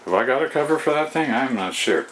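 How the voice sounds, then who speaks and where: A man's voice: medium pitch, lively intonation, quick pace, fairly bright tone, slight background noise, rough recording. A man chatting to himself in his home kitchen, rambling and absent-minded as he cooks and tidies up. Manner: absent-minded, talks to himself while working. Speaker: home cooking vlogger. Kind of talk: rambling casual cooking commentary.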